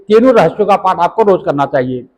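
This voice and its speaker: A man's voice: high-pitched, lively intonation, fast, a little mellow, big-room sound, poor audio. A man giving rambling devotional instruction, reciting mantras and repeating filler phrases as he explains. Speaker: religious teacher.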